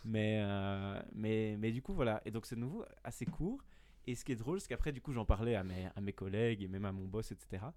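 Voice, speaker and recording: A man's voice: on the low side, animated, a little fast, a little mellow. A young man, a podcast guest, telling a self-mocking story in casual chat, full of hesitations and fillers.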